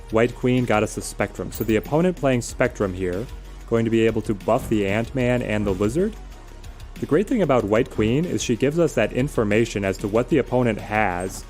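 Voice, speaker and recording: Low-voiced man casually commentating a game. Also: a little mellow. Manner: conversational, explains strategy while thinking aloud. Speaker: game streamer answering viewers' questions. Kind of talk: casual live gameplay commentary. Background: music.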